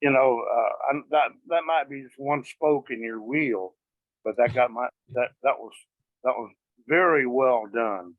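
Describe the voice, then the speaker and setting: A man's voice: mid-range voice, unhurried. A man praising another guest on a podcast call, stammering and repeating his words. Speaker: guest musician. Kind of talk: casual video-call feedback. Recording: tinny phone-like call line.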